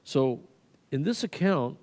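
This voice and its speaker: A man preaching a sermon, retelling a story with animated swings from loud to hushed. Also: fairly high pitch, slow. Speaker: pastor. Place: church sanctuary. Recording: long reverb of a hall.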